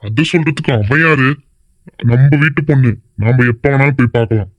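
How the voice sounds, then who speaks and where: A performer voicing a worried, protective middle-aged father in an animated cartoon, asking alarmed questions and growing indignant. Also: medium pitch, a little fast, lo-fi sound, lightly acted.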